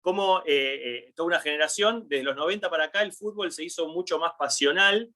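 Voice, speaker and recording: Brisk bright-voiced Argentine man. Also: fairly high pitch. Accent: Argentine Spanish. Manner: thinking aloud, frequent restarts. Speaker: host. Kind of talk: casual discussion.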